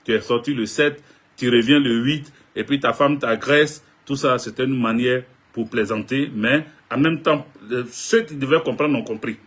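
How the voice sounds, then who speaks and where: A man's voice: mid-range voice, moderate pace, fairly bright tone. A man, a political video blogger, talking casually and jokingly straight to his viewers. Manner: joking, chatty, addresses viewers directly.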